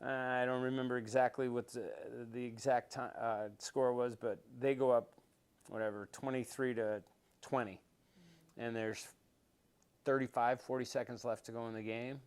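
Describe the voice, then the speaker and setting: Older male interview guest, smooth resonant voice, mid pitch, rambling storyteller who warms up as he goes. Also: normal speed. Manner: rambling with many restarts and fillers, grows animated telling stories. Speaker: interview guest, former quarterback.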